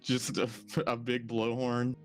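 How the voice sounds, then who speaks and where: A man's voice: mid-range voice, monotone, slow. A man playing in a tabletop game, talking in a chatty, explaining way and swearing casually. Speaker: player. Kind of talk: casual tabletop role-play.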